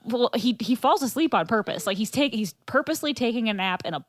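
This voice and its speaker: A woman's voice: a little high, lively intonation, fast talker, no room sound. Woman, podcast co-host, casual chat, rambling, fillers, dry close mic. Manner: rambling storyteller, many fillers.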